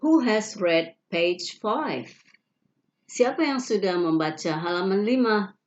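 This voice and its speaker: A woman teacher reading English example questions slowly and carefully, each followed by its Indonesian translation. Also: medium pitch, expressive. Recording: dull lo-fi recording.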